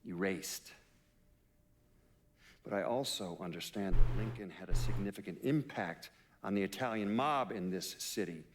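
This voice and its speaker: Actor as low-voiced, severe federal agent. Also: male voice, moderate pace, background noise, close to an everyday voice. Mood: bitter, measured. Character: stern, bitter male federal agent giving testimony. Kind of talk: video game acting.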